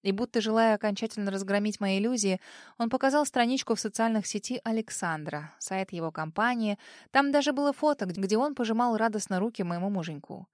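A young woman reads a first-person story aloud with emotional, expressive delivery. Her voice sits in a mid register. The recording is dry and close, with no room echo. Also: mid-range voice, a little fast. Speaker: audiobook narrator. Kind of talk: first-person audiobook narration.

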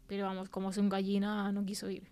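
In an audio fiction podcast interview, a young adult actress voices an uneasy, candid film-crew woman who is shaken and tells an eerie tale in colloquial Castilian Spanish, teasing and chatty. Her delivery is completely flat and fast. The medium-pitched voice is warm, smooth, and near an everyday voice.

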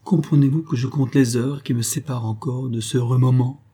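A man's voice: mid-range voice, steady tone, brisk, dark tone, slightly rough, natural voice. A man reading an audiobook, voicing a fevered pastor who speaks earnestly and pleadingly. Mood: fervent. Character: tormented adult male pastor, fevered.

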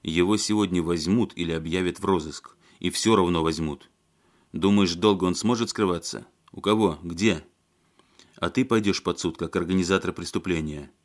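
A man's voice: deep voice, normal speed, lightly acted. A man voicing a desperate, furious man who presses hard with his questions in an audiobook. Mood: urgent, grim. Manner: intense, pressing.

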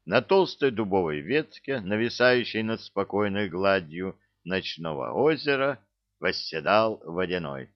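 A man reading a fairy-tale story aloud in an unhurried, expressive way, doing voices for the characters. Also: deep voice. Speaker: narrator. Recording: dull lo-fi recording.

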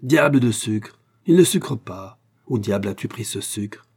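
A man's voice: lowish voice, fairly even intonation, normal speed, warm tone, natural voice. A man reading aloud, voicing a bored, hot-tempered retired sea captain who bursts into angry outcries.

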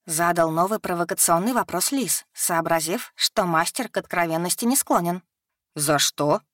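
Low-voiced woman reading a fantasy audiobook. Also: normal speed, no room sound, clean studio sound. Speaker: audiobook narrator. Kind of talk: scripted fantasy narration.

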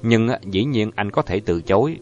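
Guy doing a calm smooth crime boss, low voice, lo-fi audio, faint music behind. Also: normal speed, close to an everyday voice. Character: cool, persuasive young crime boss.

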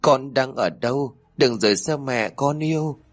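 A man voicing a cruel, frantic woman in a horror story, shrill and sobbing. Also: very animated, unhurried, fairly bright tone, husky, exaggerated voice.

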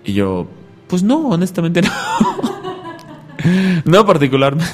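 Joking radio host, chatty. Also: male voice, mid-range voice. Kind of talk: casual radio chat.

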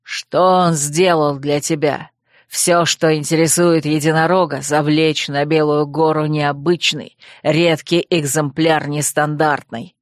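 A woman's voice: little pitch movement, a little slow, dry recording. Woman reading as a brooding young werewolf guy, voice pushed way down and growly, heated and pleading, dry close sound. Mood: bitter. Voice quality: low growling voice. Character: passionate young male werewolf suitor, brooding. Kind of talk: audiobook character voice.

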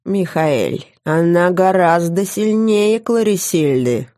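A woman voicing a sly, scheming middle-aged male academy director in an audiobook, speaking in a smug, drawn-out, biting way. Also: fairly low pitch, animated, dark tone, no echo, studio quality. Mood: commanding. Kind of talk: audiobook character voice.

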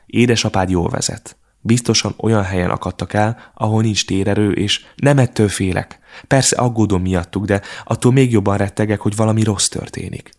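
A man's voice: fairly low pitch, steady tone, hardly any pauses. A man voicing a frightened teenage girl in an audiobook, pleading and distressed.

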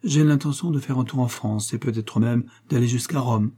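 A man's voice: mid-range voice, moderate pace, warm tone, husky, natural voice. A man voicing an emotional, affected middle-aged widow in an audiobook, speaking in a gushing, tearful manner. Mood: earnest. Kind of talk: audiobook character reading.

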